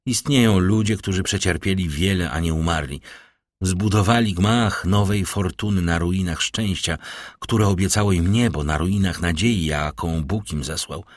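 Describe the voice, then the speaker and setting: Earnest, determined young nobleman from a classic novel, read by a man in a very low voice. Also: normal speed, dry recording, clean studio sound, lightly acted. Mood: earnest resolve.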